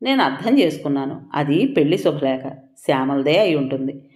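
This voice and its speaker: A woman's voice: deep voice, lively intonation, a little fast, darkish tone, reverberant. A woman narrating an audio story in the first person, telling it expressively.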